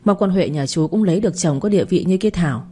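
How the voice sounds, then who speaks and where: A woman's voice: on the low side, fast talker, mellow, breathy edge. A woman voicing a grumbling middle-aged uncle in a spoken story.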